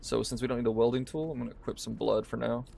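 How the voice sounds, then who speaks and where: A man's voice: medium pitch, fast talker, vocal fry, slight background noise. A male streamer giving casual commentary as he plays, talking through each move and chatting with viewers. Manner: relaxed, talks through each move while playing.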